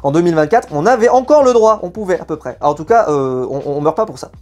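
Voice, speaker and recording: A woman's voice: on the low side, animated, fast, dark tone. Chatty, opinionated woman reviewer. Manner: opinionated and chatty, many hesitations. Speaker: YouTube reality-TV reviewer. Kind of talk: casual video review.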